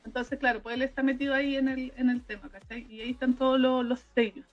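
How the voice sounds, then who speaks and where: High-voiced Chilean woman chatting. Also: steady tone, fast talker, highs cut off, faint music behind. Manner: chatty, hesitant, trailing restarts. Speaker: podcast co-host. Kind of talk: casual anime review chat.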